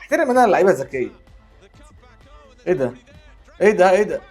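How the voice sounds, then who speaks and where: A high-voiced man with an Egyptian Arabic accent hosts a football reaction video, talking fast, exclaiming, and repeating words as he reacts excitedly to clips over soft background music.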